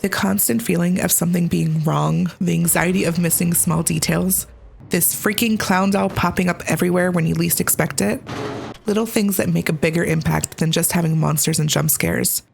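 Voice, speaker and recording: Lower-pitched, creaky woman reviewing games. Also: fairly even intonation, normal speed, a little hiss or hum. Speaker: game reviewer and host. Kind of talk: scripted video review narration.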